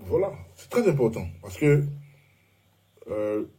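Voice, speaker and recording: A man's voice: mid-range voice, sing-song, slow pace, mellow, slightly rough. A man giving an informal Bible and Hebrew lesson over slides, who often hesitates and keeps checking in with his listeners. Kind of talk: informal teaching talk with slides.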